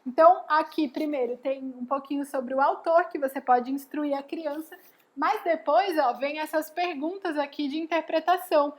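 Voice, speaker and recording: A woman's voice: high voice, normal speed, a little mellow. A woman giving a casual live lesson, explaining step by step and often checking in with "né?" and "tá bom?". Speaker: educator giving a live class.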